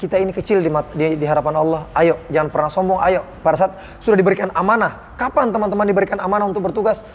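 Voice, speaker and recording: A man's voice: high-pitched, steady tone, very fast, hardly any pauses. A man, a doctor on hajj health duty, telling his experiences in an earnest, devout and emotional way during an interview. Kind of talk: interview storytelling.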